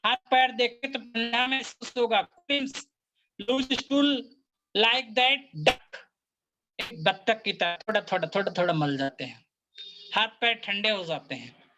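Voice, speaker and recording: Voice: medium pitch, takes it slowly, background noise. A teacher of acupuncture and Chinese medicine giving a workshop lecture, explaining step by step with patient case stories and repeating key terms.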